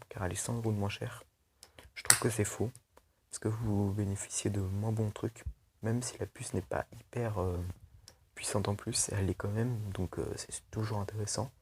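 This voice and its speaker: A man's voice: on the low side, level tone, a little fast, a little mellow, slight background noise. A young man casually reviewing a tablet for his video channel, chatty and loose, full of fillers and restarts. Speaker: tech video host.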